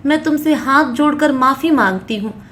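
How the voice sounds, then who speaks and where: A woman's voice: sits high, normal speed, fairly bright tone, a little hiss or hum. A woman voicing a timid, mistreated sixty-year-old mother who begs tearfully in a storybook tale. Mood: pleading. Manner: begging, tearful.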